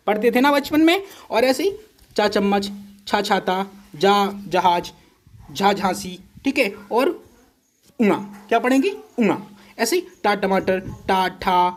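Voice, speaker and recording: A male teacher giving an exam-prep lesson, patiently repeating syllables and checking often that the class understands. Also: high voice.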